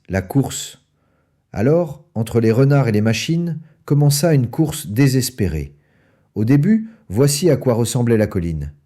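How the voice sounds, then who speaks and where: A man reading a children's story aloud in French, lively and acting out the characters. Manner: lively, acts out each character with raised pitch. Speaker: audiobook narrator.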